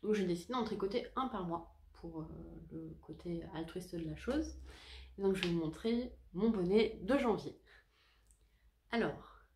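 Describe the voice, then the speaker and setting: A woman's voice: on the low side, expressive, normal speed, noisy background. Chatty woman in an echoey room. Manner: chatty, hesitant, self-deprecating. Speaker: knitting podcaster. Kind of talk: casual chat to camera.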